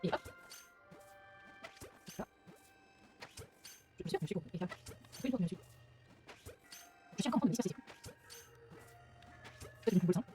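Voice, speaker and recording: A woman's voice: medium pitch, expressive, moderate pace, long pauses, warm tone, soft background music. A French woman giving casual let's play commentary, chatting to the creatures on screen as she plays.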